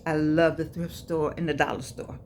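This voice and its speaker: A woman's voice: sits low, fairly even intonation, normal speed, slight background noise. A woman, giving a folksy, preachy motivational talk, repeating phrases and calling listeners baby. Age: 80s. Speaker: life coach vlogger. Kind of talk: casual motivational talk to camera.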